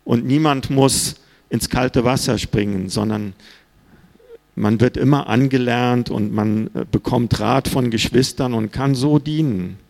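A man's voice: medium pitch, a little slow, vocal fry, darkish tone. A man preaching a sermon in an earnest, plain-spoken way, reading scripture aloud. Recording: reverberant hall.

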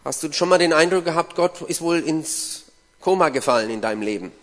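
A man interpreting a sermon line by line, following the preacher with quick restarts. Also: a little high, lively intonation. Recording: long hall reverb.

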